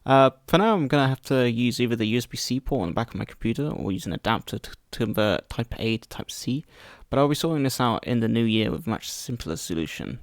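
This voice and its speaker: A man with a cold that leaves his voice croaky and gravelly, narrating a tech vlog voice-over. His pitch moves a lot as he explains things in a somewhat rambling way. The recording is dry and close. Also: animated, quick pace, few pauses, dry recording. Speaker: tech vlogger.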